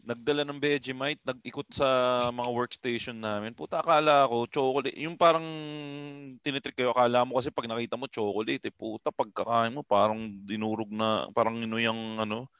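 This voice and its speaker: A man's voice: mid-range voice, fairly even intonation, brisk, fairly bright tone, clear, resonant tone, no echo, highs cut off. A man co-hosting a casual podcast, joking and teasing his friends as he talks and laughing often. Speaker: podcast co-host. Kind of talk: casual banter among friends.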